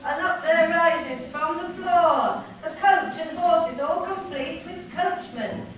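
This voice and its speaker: A woman's voice: very high voice, slow pace, fairly bright tone. A woman narrating a stage pantomime in scripted rhyming verse with projected storytelling delivery. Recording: echoey hall, distant microphone, noisy background.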